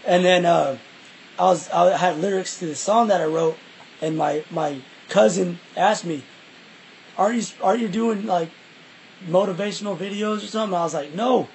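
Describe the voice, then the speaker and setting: A young man in casual, reflective conversation, halting and repeating himself, with some loose swearing. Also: sits high, creaky, a little mellow, a little hiss or hum, poor audio. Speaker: musician.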